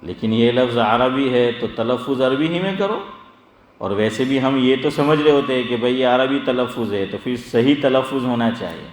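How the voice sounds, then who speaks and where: A middle-aged religious scholar giving a sermon-style lesson, quizzing his listeners and calling on them by name as he slowly drills pronunciation. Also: mid-range voice. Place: gathering hall, evening assembly. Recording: echoey hall with long reverb.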